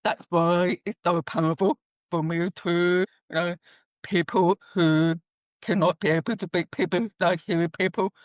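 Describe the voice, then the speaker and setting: A woman born profoundly deaf, answering interview questions earnestly in halting, unusual phrasing over a video call. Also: lowish voice, fairly even intonation, no echo. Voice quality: deaf speech, her hearing profoundly impaired from birth. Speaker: guest.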